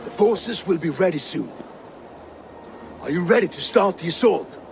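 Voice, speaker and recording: A man voicing a loyal Viking ally and battle planner in a game cutscene, speaking in an earnest, steady way. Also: high-pitched, normal speed, creaky, slight background noise. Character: loyal male Viking ally, calm strategist. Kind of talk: video game cutscene acting.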